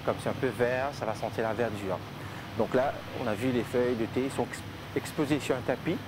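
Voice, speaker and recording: A man guiding visitors through tea fields and a factory, explaining in halting sentences full of fillers. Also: mid-range voice, fairly even intonation, noisy background. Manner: halting, with frequent fillers and restarts. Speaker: tea estate guide. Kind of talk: explanatory interview answers.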